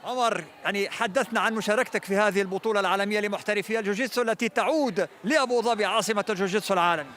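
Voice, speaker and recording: A man's voice: high-pitched, very fast, few pauses, a bit bright, slight background noise. A man working as an on-site sports interviewer on a live broadcast, speaking in a formal, congratulatory manner.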